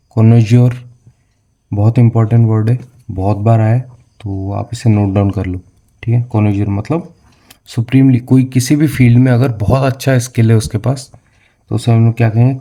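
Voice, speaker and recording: A man's voice: mid-range voice, dark tone. A young man teaching exam vocabulary, mixing in English terms and often asking a question and then answering it himself. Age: young adult. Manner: asks questions, then answers them; frequent "theek hai na"; mixes English words into his speech. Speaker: vocabulary tutor. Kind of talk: explaining vocabulary for exam prep.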